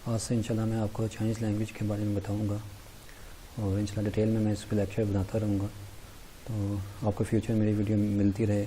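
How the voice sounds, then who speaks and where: A man teaching a language lesson over slides, explaining in a steady tone and often repeating himself. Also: fairly low pitch, slight background noise, low-quality recording. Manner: steady explaining tone, repeats points, frequent "theek hai". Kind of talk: slide lecture in Urdu.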